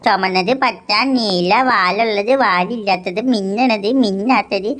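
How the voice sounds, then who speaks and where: A woman's voice: medium pitch, steady tone, a little slow, a bit bright, close to an everyday voice. A woman voicing a grumbling, comic uncle. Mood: scolding. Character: grumbling uncle Gopa, a man.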